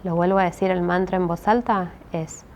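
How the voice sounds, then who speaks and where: With a fairly low, steady, slightly mellow voice at normal speed, this Rioplatense-accented woman teaches a step-by-step craft with patience. Hesitations and repeated "¿sí?" check-ins run through her speech, over a little hiss or hum.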